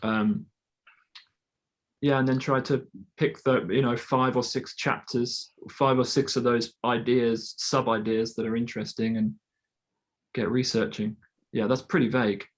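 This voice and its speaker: Mid-pitched man, easygoing and reflective, talking through his way of working. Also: little pitch movement, unhurried. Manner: reflective, loosely explaining his process. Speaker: guest storyteller. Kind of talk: casual conversation.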